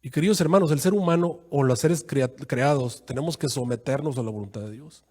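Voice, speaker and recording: A man preaching a sermon as pastor, acting out quoted voices with sudden jumps in pitch. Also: a little mellow.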